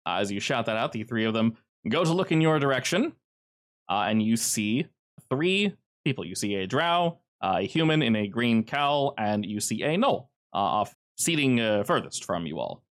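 A man narrating as game master of a tabletop game, relaxed, with many filler words. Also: medium pitch, normal speed.

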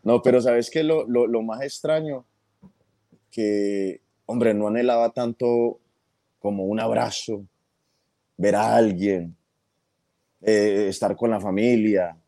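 A man with a Colombian paisa accent chats as a guest on an interview show. His voice sits low and mellow, and the sound is dry and close. He laughs often and repeats his words as his thoughts catch up. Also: steady tone, slow pace, pauses often, no echo. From United States. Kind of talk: casual interview chat.

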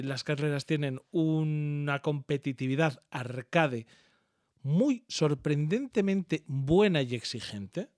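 A man in his thirties with a Spanish accent from Spain, chatting casually as a podcast co-host, telling animated stories and swearing freely. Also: fairly high pitch, no room sound, clean studio sound. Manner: animated storyteller, swears freely, imitates others. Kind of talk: casual chat among friends.

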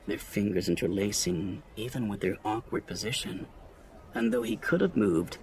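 Expressive male audiobook narrator. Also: on the low side, slight background noise. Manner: expressive, storytelling. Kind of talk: scripted narration.

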